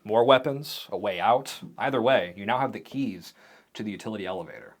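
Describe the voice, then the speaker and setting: A man running a tabletop game as game master, narrating the scenes in a vivid, animated way. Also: lowish voice, brisk.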